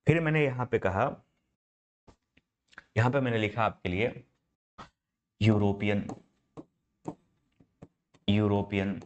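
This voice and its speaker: A man's voice: lowish voice, animated, moderate pace, pauses often, muffled recording, a little hiss or hum. A man teaching English grammar in Hindi, explaining step by step and calling his students "my brother". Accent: Indian English. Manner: asks students rhetorical questions. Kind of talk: online class lecture in Hindi.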